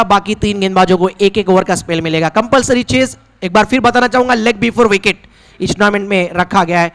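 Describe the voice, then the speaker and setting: A man with an Indian accent giving live ball-by-ball cricket commentary, calling out scores in both English and Hindi. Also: high voice.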